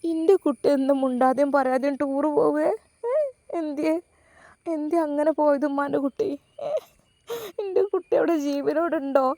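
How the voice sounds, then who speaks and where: A woman's voice: sits high, steady tone, moderate pace, pauses often, dark tone, dry recording, pitched above the performer's own voice. A woman voicing a tearful elderly mother, pleading and repeating herself.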